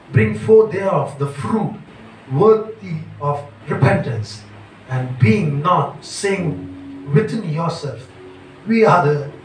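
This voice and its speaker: A man reading scripture aloud in a church, slowly and carefully, stumbling over hard names. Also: on the high side. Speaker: scripture reader. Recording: echoey church hall, far from mic, faint noise.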